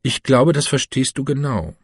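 A man voicing an anxious, jealous young wife in an audiobook reading, his husky voice pleading and insistent. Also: medium pitch, animated, moderate pace, no room sound, studio quality, voice pushed up, natural voice. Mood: reproachful.

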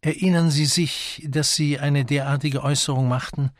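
A man's voice: a little high, fairly even intonation, normal speed, no echo, studio quality, pitched above the performer's own voice, lightly acted. A man doing a prim older hostess. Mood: polite. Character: older woman, proper and reproving hostess.

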